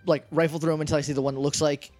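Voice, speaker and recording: A man's voice: fairly high pitch, racing, faint music behind. A man playing a tabletop role-playing game, chatting casually and animatedly, often restarting his sentences. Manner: animated, self-interrupting chatter. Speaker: player.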